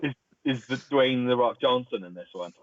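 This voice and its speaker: A man's voice: medium pitch, normal speed. Sex: man. Style: rambling casual chat as a podcast co-host, laughing easily and restarting words, heard over a bad call connection. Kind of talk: casual chat among friends. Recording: tinny phone-like call audio, dry.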